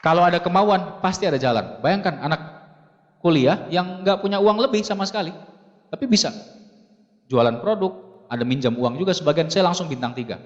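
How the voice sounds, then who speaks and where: A man in his thirties from Makassar giving an animated motivational talk from a seminar stage, turning to address the audience often. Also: on the high side, a little fast, dull audio. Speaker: seminar speaker. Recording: long hall reverb.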